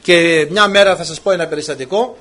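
A man's voice: fairly high pitch, sharp tone. A man preaching a sermon, retelling old stories with animation and acting out the lines of the people in them.

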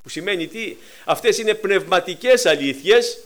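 A man preaching a sermon with passion, often pausing on filler sounds, dropping low and quiet as he retells a story and rising loud on its cries. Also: animated. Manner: impassioned, rises high and loud on acted cries, drops low and quiet while retelling; frequent hesitations with filler sounds.

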